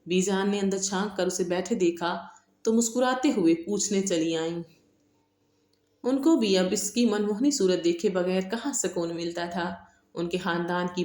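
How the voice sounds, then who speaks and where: Woman narrator, audiobook novel, lower voice, roomy echo, steady dramatic telling. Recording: echoey room.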